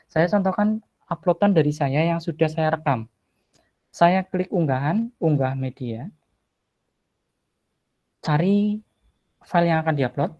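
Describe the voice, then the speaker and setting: A man's voice: on the high side, lo-fi sound. A man presents an online tutorial in a chatty, apologetic way, thinking aloud as he clicks through the screen. He speaks from home in the evening. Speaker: teacher-training presenter.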